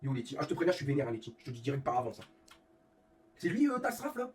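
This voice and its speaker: Sick guy ranting fast, voice jumping all over, a bit off mic with faint room noise. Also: medium pitch, far from the mic. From northern France. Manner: fuming, swearing constantly, rapid and animated. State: sick with a fever, voice affected. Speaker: streamer and league organizer. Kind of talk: angry live-stream rant.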